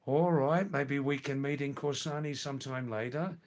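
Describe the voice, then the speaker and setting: Hosting a live stream, an older man speaks in a steady, mid-range voice. He chats informally with viewers and responds to their comments at a slow, rambling pace, repeating words along the way.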